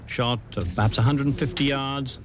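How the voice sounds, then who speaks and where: A man's voice: mid-range voice, fairly even intonation, normal speed. A man giving live television golf commentary in short phrases, exclaiming and reacting to each shot as it happens. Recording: outdoor crowd noise over archive broadcast. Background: loud crowd and outdoor ambience.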